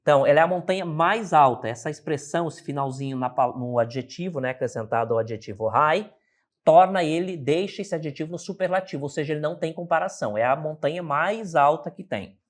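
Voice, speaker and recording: A man's voice: a little high, fast talker. A Brazilian man teaching an English lesson. He explains step by step and keeps checking in with short tag questions. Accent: Brazilian Portuguese.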